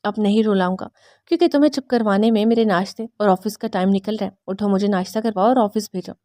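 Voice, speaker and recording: A woman's voice: medium pitch, dark tone, no room sound, clean studio sound, natural voice. A woman reading the lines of a playful young husband who teases his wife. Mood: soothing. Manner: mischievous, bantering.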